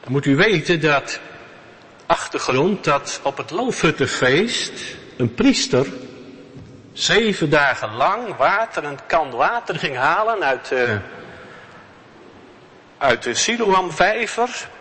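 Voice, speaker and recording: Slow, emphatic preacher in a church hall. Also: male voice, on the high side, very animated, sharp tone. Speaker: pastor. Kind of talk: sermon. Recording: long church reverb.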